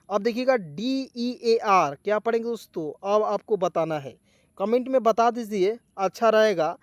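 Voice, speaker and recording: A man's voice: high-pitched, a little mellow, no room sound, clean studio sound. A man teaching English spelling and pronunciation, spelling words letter by letter and asking viewers to repeat. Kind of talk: Hindi-language spelling lesson.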